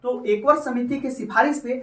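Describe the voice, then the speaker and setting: A man's voice: very high-pitched, a little fast. A male teacher giving a classroom lecture, repeating his questions and having students chant back the answers. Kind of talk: classroom lecture with call-and-response quizzing. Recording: roomy classroom recorded from far off. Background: students' voices.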